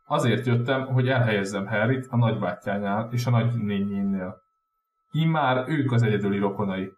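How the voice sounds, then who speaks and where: A man voicing a calm, wise old male headmaster with a gentle, measured manner, in a roomy room. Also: lowish voice, far from the mic, slight background noise, natural voice.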